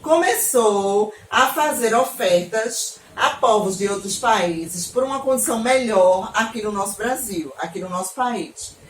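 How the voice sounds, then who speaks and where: Her mid-range voice expressive and unhurried, with hardly any pauses, a woman from Northeast Brazil teaches children geography in an online class, affectionately checking in with questions. The mic sits at a distance in an echoey room, with a little hiss or hum.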